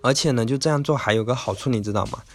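A man's voice: medium pitch, racing, a little hiss or hum. A man hosting a casual self-help talk, chatty and rambling, with lots of little filler words. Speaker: podcast host.

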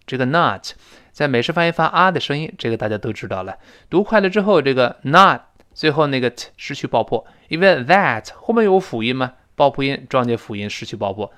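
Man drilling English phrases. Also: mid-range voice. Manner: explains pronunciation in Mandarin with lively stress. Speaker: English teacher. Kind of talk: spoken English lesson.

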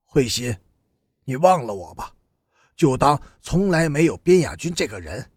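A man reading an audiobook and voicing a tearful, despairing young man in a low, choked, pleading delivery. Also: sing-song, unhurried, breathy edge, no room sound, studio quality, full character voice. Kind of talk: audiobook character voice.

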